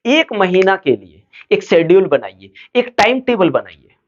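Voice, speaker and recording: A man's voice: high-pitched, very animated, unhurried, lo-fi sound. A man giving motivational study advice to students, asking questions and answering them himself.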